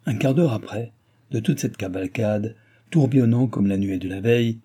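Low husky guy reading a classic novel aloud, dark mellow tone, steady pace. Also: moderate pace. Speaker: audiobook narrator. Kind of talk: scripted narration of a classic novel.

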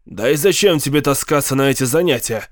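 A man voicing a scheming, moody middle-aged uncle who talks in a sly, coaxing way, pitched higher than his narration. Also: expressive, fairly quick, dry recording, clean studio sound, close to an everyday voice.

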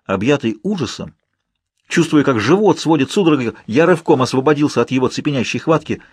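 A man narrating an audiobook in the first person, with steady, measured storytelling. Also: medium pitch, husky, dry recording, clean studio sound.

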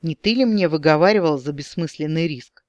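A man's voice: on the high side, a little fast, dry recording, lo-fi sound, close to an everyday voice. A man voicing a stubborn, prickly young woman elf agent in an audiobook, talking sharply and arguing. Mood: indignant.

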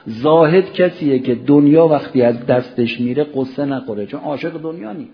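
A man preaching a religious sermon, telling stories and acting out short dialogues, swinging between loud emphasis and soft, low asides. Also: highs cut off. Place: religious gathering hall.

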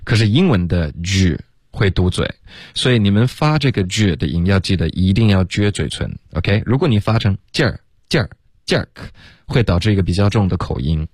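A deep-voiced man co-hosting a radio English lesson, explaining pronunciation patiently and moving easily between Chinese and fluent English. His voice sits very low and is recorded dry and close. He laughs easily between points. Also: expressive, brisk, a little mellow, no echo. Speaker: English teacher, co-host.

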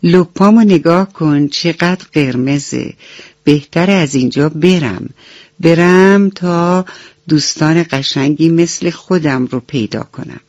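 A woman's voice: sits low, a little mellow, no room sound, lightly acted. A woman voicing a vain, boastful little red pepper in a bedtime radio story, sing-song in manner. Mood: proud. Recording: dull lo-fi radio recording.

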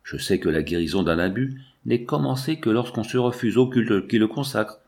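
A man's voice: lowish voice, darkish tone. A man reading as a weary old male scientist.

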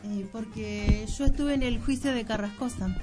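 A woman's voice: on the high side, moderate pace, dark tone, soft background music. Argentine woman chatting on radio. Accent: Argentine Spanish. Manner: chatty, storytelling, hesitant when put on the spot. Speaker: radio show regular. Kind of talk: casual radio banter.

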